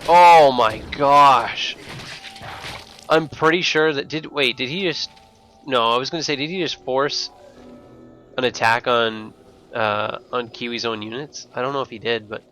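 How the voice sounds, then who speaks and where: Lisping male game caster, bright voice. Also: mid-range voice, steady tone, a little slow, soft background music. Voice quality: lisp, slushy sh-like s. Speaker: esports shoutcaster. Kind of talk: live StarCraft match commentary.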